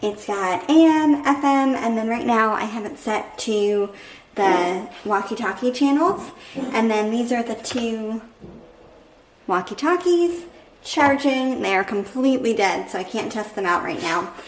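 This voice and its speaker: A slightly high-voiced woman with lively intonation speaks at a measured pace as the casual host of a home cooking vlog, demonstrating as she chats. She's in her kitchen at home, and the room is echoey with noise in the background.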